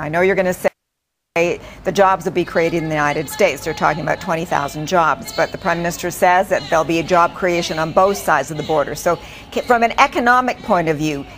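A woman in her forties, a news anchor, asking questions in a measured, polished studio delivery. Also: on the low side. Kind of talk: live news interview questions.

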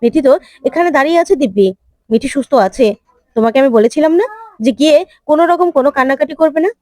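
A woman's voice: sits high, a little mellow, no room sound, clean studio sound, natural voice. A woman voicing an older man who grumbles at his wife for crying. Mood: grumbling. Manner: quick, grumbling complaints.

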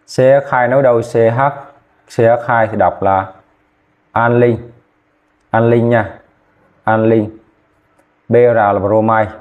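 A man teaching chemistry, dictating formulas slowly and repeating names, often checking whether students follow. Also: mid-range voice, steady tone, phone-quality sound. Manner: slow, repetitive, checking in with "ok chưa?". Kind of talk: classroom lesson, dictating formulas.

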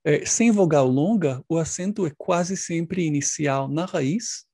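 Male researcher presenting at a conference, slow and gravelly, dry close sound, measured and explanatory. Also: a little high, a little mellow, no echo. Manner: measured, explanatory, frequent hesitation fillers.

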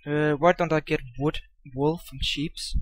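A man's voice: a little high, unhurried, no room sound. Chatty young man in gaming commentary. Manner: chatty, hesitant with fillers, bursts into excited shouts. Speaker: gameplay commentator.

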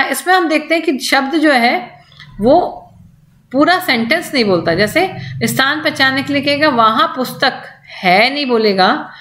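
A woman's voice: a little high, a bit bright. Hindi-speaking woman lecturer, echoey room. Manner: explains slowly, restarts words, imitates baby sounds. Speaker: college lecturer. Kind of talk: recorded lecture.

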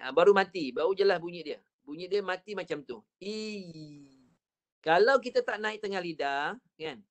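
Over an online video call, a man with a Malaysian Malay accent teaches Quran recitation, patiently modelling each sound slowly and repeating it. His voice is high-pitched and animated.

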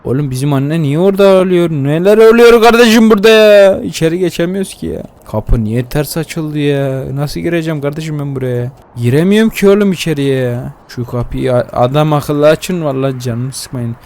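A man's voice: on the high side, normal speed, few pauses. Swearing young man playing a game. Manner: swears a lot, loud bursts of surprise then mutters. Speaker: gaming YouTuber. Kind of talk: casual let's-play commentary, reading game subtitles aloud.

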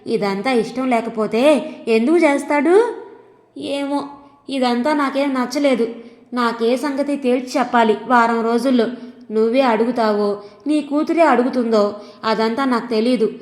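Brief: woman doing a harsh, berating middle-aged husband, fairly high voice, reverberant room. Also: unhurried, darkish tone, close to an everyday voice. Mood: irritated. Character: angry scolding middle-aged husband and father.

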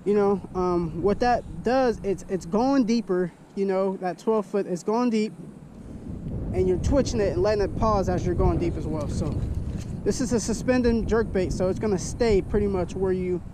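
A man's voice: sits high, moderate pace, background noise. A young man fishing from a kayak on a lake, chatting casually to his viewers and calling them guys. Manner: hyped, talks to viewers as guys. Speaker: fishing vlogger. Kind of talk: casual chat to camera. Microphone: action camera.

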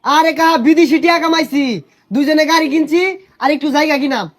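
A man with a playing a young fellow making quick pleading retorts in a comedy sketch. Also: very high voice, steady tone, dry recording, clean studio sound. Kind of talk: rustic comedy sketch in dialect.

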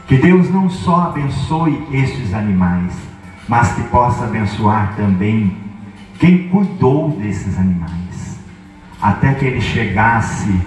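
Slow-paced priest over echoing PA. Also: male voice, lowish voice, a little mellow. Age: middle-aged. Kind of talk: spoken blessing and prayer at an event. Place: open-sided tent at outdoor cattle auction. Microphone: handheld microphone through PA. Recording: echoey PA system, distant, faint music.

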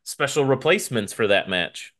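Lively, bright-voiced playful man. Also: mid-range voice, moderate pace. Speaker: podcast co-host. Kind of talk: casual chat.

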